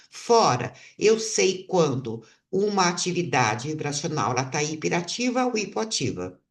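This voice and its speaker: A woman's voice: low-pitched, far from the mic. A woman teaching an online class on integrative therapy, explaining step by step and often checking in with tag questions. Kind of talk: online lecture.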